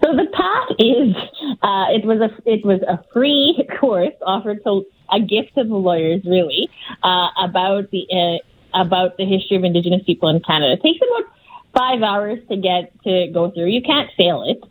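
A woman's voice: mid-range voice, moderate pace, low-quality recording. A woman legal director answering interview questions earnestly, often restarting phrases and searching for words.

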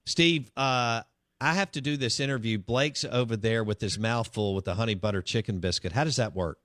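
A man's voice: mid-range voice, moderate pace, fairly bright tone, no room sound, studio quality. A man hosting a casual morning sports radio show, chatting and rambling with lots of fillers. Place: radio studio.

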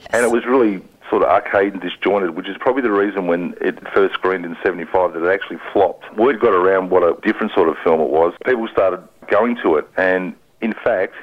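A man's voice: low voice, narrow, tinny audio. A man casually sharing film trivia as a radio review presenter.

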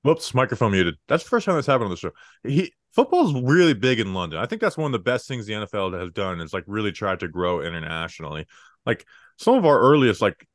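A man's voice: lowish voice, big pitch swings, quick pace, no room sound, clean studio sound. A young man co-hosting a casual sports talk show, loose and full of "like" fillers. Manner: casual, filler-heavy with lots of "like". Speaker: podcast co-host.

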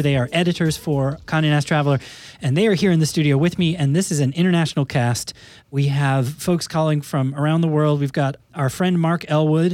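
A man's voice: a little high, darkish tone, dry recording. Playful man hosting a podcast. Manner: playful, teasing. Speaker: podcast host. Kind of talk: casual podcast chat. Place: podcast studio.

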